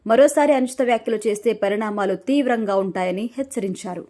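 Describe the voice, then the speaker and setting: A woman's voice: a little high, dark tone. A woman reading a formal news voice-over. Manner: brisk, formal. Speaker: news reporter.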